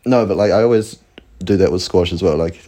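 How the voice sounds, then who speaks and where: A man co-hosting a podcast in casual chat, relaxed and wry, telling stories with some swearing. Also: sits low, fairly quick. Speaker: podcast co-host.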